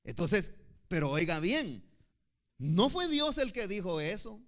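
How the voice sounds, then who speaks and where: A man preaching a sermon, explaining scripture in a slow, emphatic teaching manner and addressing the congregation as brothers. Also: sits high, very animated, a bit bright. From El Salvador.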